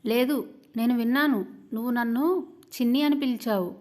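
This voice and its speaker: A nervous young bride who stands her ground, her fairly high voice tense and earnest, as a woman reads her. It sounds like a storybook audio serial. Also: moderate pace, darkish tone, lightly acted. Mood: defiant.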